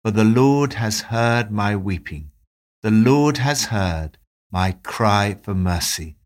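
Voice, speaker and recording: A man giving a devotional talk, reading Bible passages and reflecting on them in a calm, measured way. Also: fairly low pitch. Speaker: devotional presenter.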